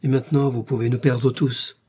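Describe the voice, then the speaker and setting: A man voicing an anxious young woman from a classic adventure novel, reproachful and urgent, barely lifting his own mellow, husky voice. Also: mid-range voice, level tone, moderate pace, close to an everyday voice.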